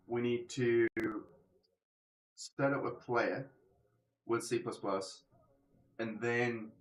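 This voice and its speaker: A man live-streaming his coding session, thinking aloud in a self-deprecating way, his voice slightly worn, speaking into a desk microphone at his computer. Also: lowish voice. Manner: self-deprecating, muttering to himself while working. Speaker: game developer streamer.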